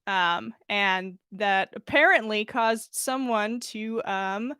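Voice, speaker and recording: A podcast host, a woman with a mid-range voice, speaks slowly with a sharp, clear, resonant tone and no echo. Informal and giggly, she swears casually while chatting and reading fan fiction aloud on a livestream, close to a mic fitted with a pop filter.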